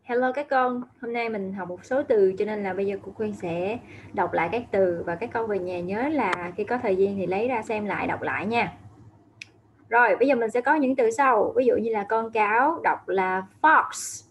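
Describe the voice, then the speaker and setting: A woman's voice: medium pitch, normal speed, slight background noise. A woman teaching English words to young children, patiently repeating and spelling each word letter by letter. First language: Vietnamese. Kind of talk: slow vocabulary lesson, words repeated aloud.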